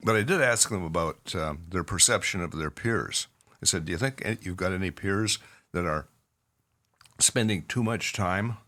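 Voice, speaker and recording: A man with a Canadian accent co-hosting a podcast in casual chat, pausing often on fillers as he talks. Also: low voice, bright, forceful tone. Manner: halting, with many fillers. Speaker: podcast co-host, clinician.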